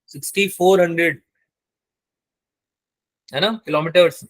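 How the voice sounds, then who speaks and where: A man's voice: fairly high pitch, steady tone, measured pace, a bit bright, no echo. A male physics teacher giving a live lecture in Hindi mixed with terms, often asking the class check questions. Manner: mixes English terms into Hindi.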